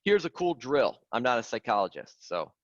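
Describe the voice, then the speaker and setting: A man, coaching clients on a video call in an earnest, animated way, stressing key phrases by repeating them. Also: medium pitch, normal speed, no room sound. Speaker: fitness coach. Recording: dry, dull lo-fi call audio.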